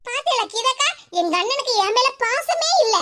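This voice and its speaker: A woman voicing a greedy, cheeky young sister in a cartoon comedy, speaking in a shrill, whiny voice. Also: expressive, moderate pace, exaggerated voice. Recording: loud hiss behind voice.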